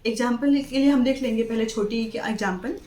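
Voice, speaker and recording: Woman teacher doing a kids letters lesson, slightly high voice, says each word twice, keeps checking in, echoey room. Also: fairly quick, darkish tone. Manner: patient, stresses each word, repeats and checks with "ठीक है". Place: classroom.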